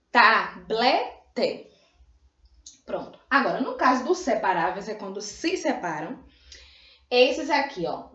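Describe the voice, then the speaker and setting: A woman from Brazil, a primary school teacher, giving a grammar review lesson and slowly drawing out syllables to model them. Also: fairly high pitch, fairly bright tone. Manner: slow, drawn-out modelling of syllables, often says "ó" and "né". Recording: echoey room, dull lo-fi sound.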